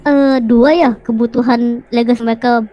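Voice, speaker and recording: High-voiced woman speaking earnestly. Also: steady tone, unhurried, lo-fi sound. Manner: earnest, stumbling speech. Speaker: roleplay player. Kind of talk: in-character voice chat roleplay.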